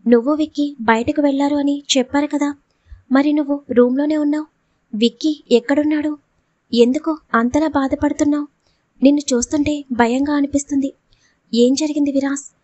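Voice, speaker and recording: A woman's voice: high voice, fairly even intonation, fairly quick, mellow, no room sound, close to an everyday voice. A woman reading the lines of a frightened young woman who presses with anxious, pleading questions in an audio storybook.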